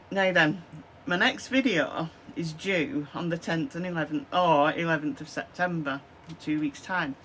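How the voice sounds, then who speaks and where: A Lancashire woman in her fifties, a chatty craft vlogger with a hoarse voice and chesty cough, rambles to a close-framed desk camera in her small craft room, full of "um, so yeah" fillers. Her voice sits fairly low and a bit bright, with a little hiss or hum in the recording.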